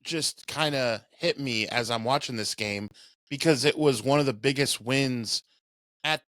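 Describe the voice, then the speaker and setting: A man's voice: mid-range voice, unhurried, fairly bright tone, dry recording. A man co-hosting a sports podcast, easygoing and joking, often restarting his sentences. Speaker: podcast co-host. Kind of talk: casual sports chat.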